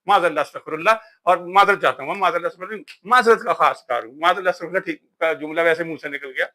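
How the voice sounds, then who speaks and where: Talking about books in a casual vlog, a man from Pakistan uses a fairly high, sharp-toned voice. He lectures emphatically, almost preachily, and keeps saying "yaar."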